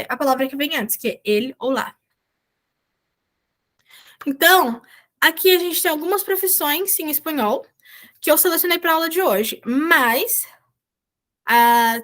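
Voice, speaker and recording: High-voiced woman teaching Spanish. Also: a bit bright. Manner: explains patiently, checks in with "certo?". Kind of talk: online class lecture. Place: recorded online class.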